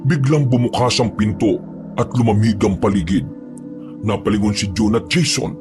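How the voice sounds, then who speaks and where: A man narrating a horror story in a steady, grave manner. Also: fairly low pitch, normal speed. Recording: narration over loud music.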